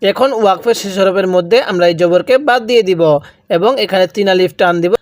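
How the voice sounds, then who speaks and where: A man teaching Quran reading in Bengali with a Bangladeshi accent, spelling out words slowly and asking and answering his own questions. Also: high voice, no room sound. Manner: drills syllable by syllable, asks and answers own questions. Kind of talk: slow spelled-out recitation lesson.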